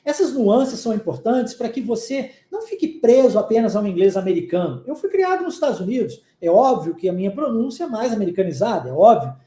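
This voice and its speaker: A man's voice: high-pitched, sing-song, fast talker, few pauses, warm tone, roomy sound. A man from Minas Gerais with a Minas Gerais Brazilian Portuguese accent, an English teacher giving a recorded online lesson and checking in often with short questions.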